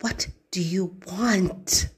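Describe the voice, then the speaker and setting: A woman's voice: deep voice, measured pace, dark tone, husky. A woman voicing a bitter, trapped young woman. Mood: hushed fury.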